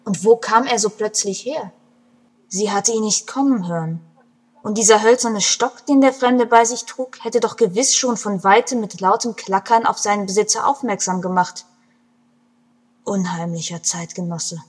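A woman narrating a story in an expressive storytelling manner, her loudness swinging between hushed and strong passages, with a breathy voice. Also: mid-range voice, moderate pace.

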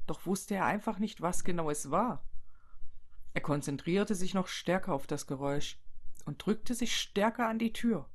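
A calm narrator reads a story aloud, steady and even, at a middle pitch. The narration sets the scenes and carries the voiced dialogue. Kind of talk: reading a fan story aloud.

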